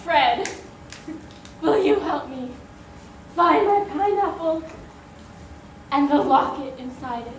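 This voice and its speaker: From across an echoey room comes a woman acting as a young film noir dame, pleading for help in an improv scene. She speaks slowly and haltingly in a very high voice. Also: animated. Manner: halting, choosing each word. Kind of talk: improvised stage comedy scene. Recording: distant echoey room, faint noise.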